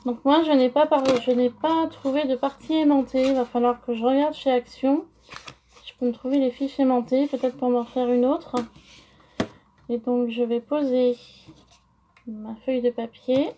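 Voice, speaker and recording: A woman's voice: sits high, fairly even intonation, normal speed, dark tone, slight background noise. A woman with a French accent explaining a paper-crafting project step by step, hesitant with many fillers. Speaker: crafting tutorial host. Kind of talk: casual craft tutorial.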